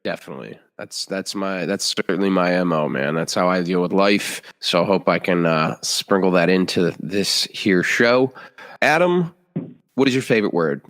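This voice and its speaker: A man with a lowish voice hosts a casual interview podcast, talking in a friendly, chummy way full of restarts. His voice carries a long reverb, as if recorded in an echoey room. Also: moderate pace, a bit bright. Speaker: podcast host.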